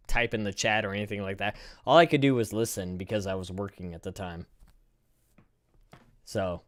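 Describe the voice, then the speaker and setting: A medium-pitched man in his thirties hosts a casual live stream, reacting in an animated, rambling, profane way.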